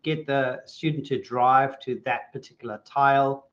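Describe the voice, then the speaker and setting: A man's voice: mid-range voice, steady tone, moderate pace, a bit bright. A man with a New Zealand accent co-hosts a webinar, chiming in casually and reading out audience questions. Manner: friendly interjecting, reads audience questions. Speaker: webinar co-host. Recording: dull lo-fi webinar audio.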